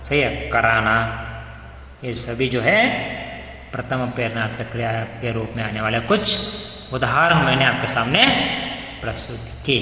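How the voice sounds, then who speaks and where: A male Hindi teacher giving a grammar lesson to children, drilling words slowly and repeating them, some drawn out almost in a sing-song. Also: mid-range voice, bright, forceful tone, heavy reverb, big-room sound, distant mic, slight background noise.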